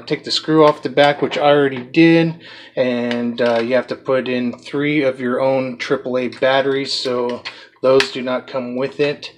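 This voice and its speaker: A man's voice: medium pitch, slight background noise. A man chatting his way through a small drone's box, loose and conversational. He talks in an easy middle register, stopping and restarting as he points things out to the camera. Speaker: drone reviewer. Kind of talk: casual product unboxing review.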